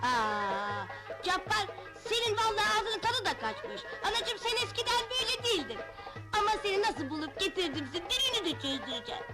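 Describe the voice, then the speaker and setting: A bossy, scheming middle-aged auntie in a 1970s film comedy, coaxing one moment and scolding the next. Her voice is very high and lively. A loud film score runs underneath her. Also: a little fast, over loud music.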